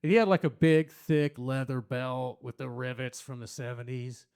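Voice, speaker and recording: A man's voice: mid-range voice, steady tone, moderate pace, clean tone. Crude rambling man doing stand-up. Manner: crude, rambling, talks to the crowd; puts on loud silly voices for quotes. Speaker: stand-up comedian. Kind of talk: stand-up comedy set. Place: small venue stage.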